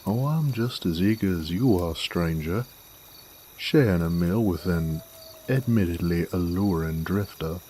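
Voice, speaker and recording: In a scripted roleplay audio drama, a man plays a Southern cowboy rogue with a deep, slightly mellow voice and a slow American Southern drawl. He sounds sly, flirtatious, folksy, and teasing, with slight background noise.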